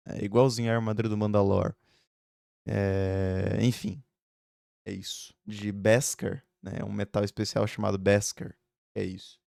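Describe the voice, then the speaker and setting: A lowish, gravelly voice with a darkish but clean tone comes through a clean studio recording with no echo. It belongs to a male vlogger in his early twenties, chatting from his home room in a rambling way, thick with fillers and tag questions.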